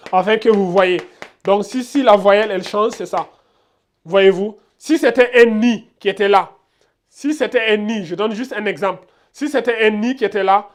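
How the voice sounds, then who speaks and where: A man giving a casual beginner lesson, repeating sounds and often checking that viewers follow. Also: high voice. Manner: repetitive, checks understanding often. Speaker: Arabic teacher.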